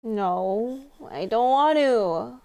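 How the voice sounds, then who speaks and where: A woman's voice: fairly high pitch, animated, extremely slow, a little mellow, clear, resonant tone, full character voice. A woman streamer voicing a tipsy, clingy young woman in a visual novel, with a slurred drunk drawl. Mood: drunk whiny. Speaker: game streamer. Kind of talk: reading a visual novel role aloud.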